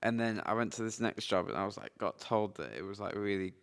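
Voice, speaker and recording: A man's voice: lowish voice, brisk, clean tone. A young man rambling through a casual podcast story, full of fillers and slang. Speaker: podcast co-host. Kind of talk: casual chat.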